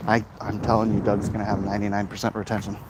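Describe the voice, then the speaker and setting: In a fast, monotone, lowish voice, the comic artist livestreams while walking outdoors. He addresses phone viewers casually, rambling and stressing his points, and the recording picks up lots of outdoor noise.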